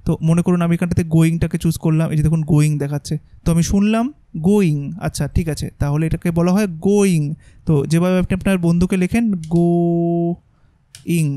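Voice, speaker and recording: Patient high-voiced man teaching software. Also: dry recording. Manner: patient, explaining step by step with frequent check-ins. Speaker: tutorial instructor. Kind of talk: screen-recorded software tutorial.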